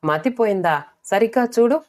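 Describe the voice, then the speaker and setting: A woman voicing a worried middle-aged mother who scolds her daughters, shrill when angry. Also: animated, normal speed, a little mellow, natural voice. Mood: scolding.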